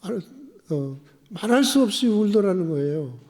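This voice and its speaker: A man preaching a sermon as pastor, asking the congregation questions and swinging between emphatic raised phrases and quiet drops. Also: high-pitched, lively intonation, moderate pace. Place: church sanctuary. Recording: long church reverb.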